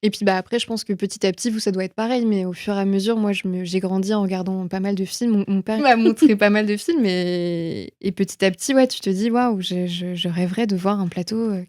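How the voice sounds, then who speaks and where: In clean studio sound with no room sound, a young woman from France, a film production manager, tells personal stories in a casual interview, often correcting herself as she reflects. Her medium-pitched voice has a darkish, steady tone, and she talks a little fast with few pauses.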